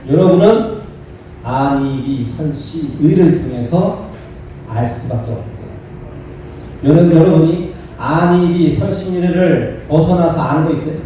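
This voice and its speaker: Monk man giving a chatty sermon, really dark voice, echoey hall, sounds a bit off mic. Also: fairly high pitch, a little slow, distant mic, a little hiss or hum. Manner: conversational, acts out quoted dialogue, asks the audience questions. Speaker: monk giving a dharma talk. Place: temple dharma hall.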